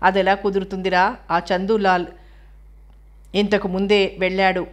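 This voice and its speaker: A woman's voice: mid-range voice, flat delivery, normal speed, natural voice. Woman reading as a joking grown man. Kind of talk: audiobook novel reading.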